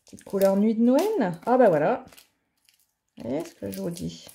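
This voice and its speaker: A woman's voice: mid-range voice, very animated, moderate pace, gravelly, warm tone. A woman hosting an art tutorial in her home office, chatting casually and thinking aloud with plenty of fillers as she demonstrates.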